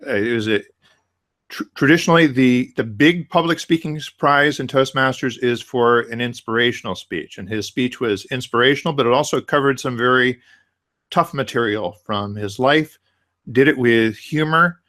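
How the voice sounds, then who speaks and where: A man's voice: mid-range voice, normal speed, fairly bright tone. A man hosting a webinar interview over a video call, asking questions in a hesitant way with repeated words. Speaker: webinar host.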